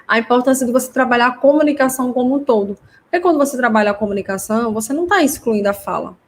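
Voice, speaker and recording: Casting note: woman, somewhat high voice, chatty live-class host answering viewers. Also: very fast, slight background noise. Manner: chatty, explanatory, reads comments aloud. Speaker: host teaching parents.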